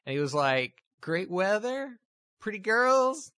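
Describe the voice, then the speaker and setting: A man's voice: sits high, big pitch swings, takes it slowly, pushed and bright, no echo, clean studio sound. A man from California co-hosting a podcast in casual chat, rambling and often restarting sentences. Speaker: podcast co-host.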